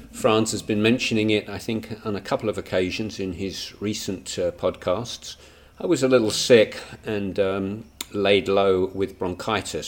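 A man's voice: low voice, a little mellow. A man giving a conversational spoken report as a guest podcast correspondent.

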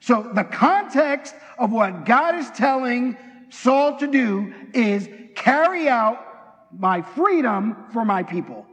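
A man preaching an energetic sermon in a church, talking fast and excitedly and acting out bits of dialogue. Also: extremely high pitch. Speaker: pastor. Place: church sanctuary. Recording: long hall reverb.

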